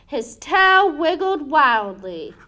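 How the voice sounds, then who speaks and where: With a voice that sits high, a woman performs a children's storybook read-aloud, leaning on dramatic, deliberate emphasis.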